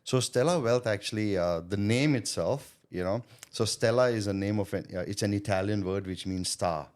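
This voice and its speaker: In this interview, the guest, a Thai-born, India-schooled sales coach who runs a business, reflects earnestly on his company and his childhood, sprinkling in "right?" and "you know". He talks at a moderate pace in a lowish, slightly mellow voice.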